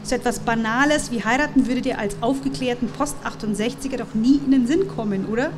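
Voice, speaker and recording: A woman's voice: on the high side, brisk, lightly acted. Woman reading a romantic young woman, teasing and mocking, noisy room.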